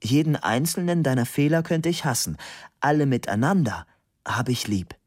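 In a storybook reading, a man performs an affectionate, lively young woman, raising his pitch above his own voice while keeping it close to everyday speech. The mid-range delivery comes at a normal speed in a dry, clean studio recording.

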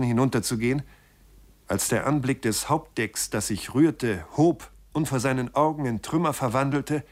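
A man narrating a first-person sea adventure as an audiobook, measured and dramatic, often addressing his listeners directly. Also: mid-range voice.

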